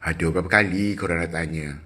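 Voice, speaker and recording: A middle-aged man with a Malaysian accent, chatting casually with viewers on a phone livestream, teasing and quick with asides. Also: deep voice, fairly even intonation, bright, forceful tone. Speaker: livestream host. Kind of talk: casual live chat with viewers.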